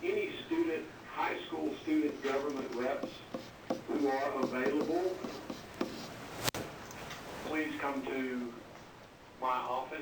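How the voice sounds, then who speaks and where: A man making a polite, formal announcement over a school intercom loudspeaker. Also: medium pitch, lively intonation, takes it slowly, pauses often. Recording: distant, noisy intercom speaker.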